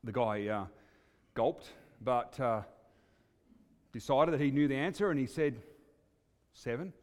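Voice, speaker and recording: A guest preacher, a man with a medium-pitched, animated voice, delivers a sermon full of stories at a measured pace. He sounds chatty and hesitant, using lots of fillers, and a long cathedral-like church reverb rings around his words.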